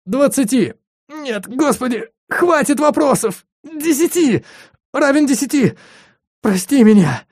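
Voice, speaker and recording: A terrified young man sobs and pleads, his voice climbing very high and breaking as he begs. The delivery is dry and close. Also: expressive, unhurried, a little mellow, dry recording, exaggerated voice. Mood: panicked. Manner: high shaking sobbing voice. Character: young male recruit, terrified, pleading in pain.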